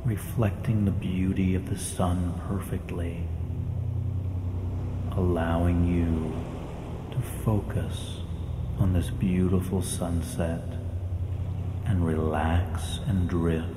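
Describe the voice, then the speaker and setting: A man guiding a hypnotic relaxation in a slow, soothing hypnotist's manner, leaving long pauses between short phrases. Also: low voice, level tone, background noise. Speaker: hypnosis guide. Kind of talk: guided hypnotic relaxation, countdown narration. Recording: echoey, loud music behind. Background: loud relaxation music.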